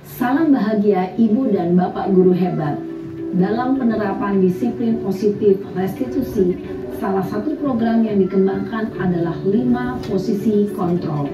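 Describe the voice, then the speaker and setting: A woman's voice: mid-range voice, moderate pace. Echoey woman narrator over music. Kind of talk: scripted educational narration. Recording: echoey, slightly distant, music behind.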